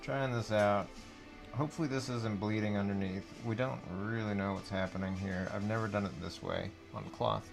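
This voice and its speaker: A man's voice: lowish voice, steady tone, normal speed, creaky, over music. A man thinking aloud while he paints. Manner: rambling and laughing, thinking aloud while working. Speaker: live stream host painting figures. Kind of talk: casual live stream chat.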